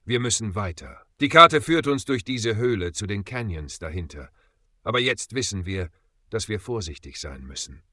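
A man's voice: on the low side, expressive, moderate pace, sharp tone, no echo, heavily acted. A man voicing a cold, grim male mercenary leader who gives curt orders.

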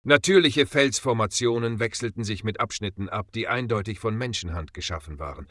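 A man narrates a story in a steady, dramatic reading. His voice is low-pitched with a bright, forceful tone. The recording is dry and close-miked. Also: a little fast, no echo. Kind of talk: scripted audiobook narration.

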